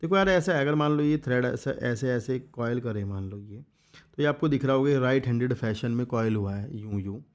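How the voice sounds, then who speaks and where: A man's voice: medium pitch, expressive, brisk, darkish tone. A man giving a casual exam revision biology lecture, reading textbook lines in English and explaining them in Hindi, urging students to remember key points. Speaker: biology teacher.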